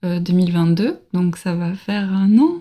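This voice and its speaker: Relaxed woman in her thirties telling travel stories. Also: on the low side, normal speed. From France. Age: 30s. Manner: relaxed storytelling with many fillers and laughs. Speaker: guest, traveler. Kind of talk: casual podcast interview.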